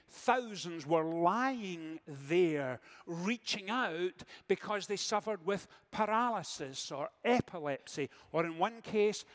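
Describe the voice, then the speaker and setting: A man preaching a sermon as pastor, measured, with dramatic pauses and rhetorical questions. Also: sits high. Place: church sanctuary. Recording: long church reverb.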